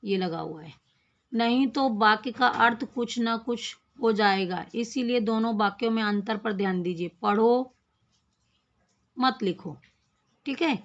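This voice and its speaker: A woman teaching a grammar lesson, explaining slowly, repeating phrases and asking questions of her class. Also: fairly high pitch, muffled recording.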